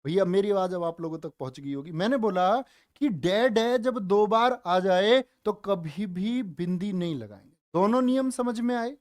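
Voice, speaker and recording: A man's voice: high-pitched, animated, moderate pace, no echo, clean studio sound. A man teaching a live online Hindi exam-prep class, coaxing his students, calling them dear children and brother, and asking questions that he answers himself.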